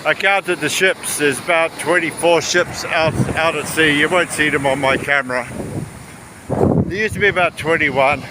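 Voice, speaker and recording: This is a fairly high-pitched male voice at an ordinary pace, wandering from thought to thought as a casual travel vlogger strolling along the shore. You can hear wind, waves and open-air ambience, and the surf noise is constant.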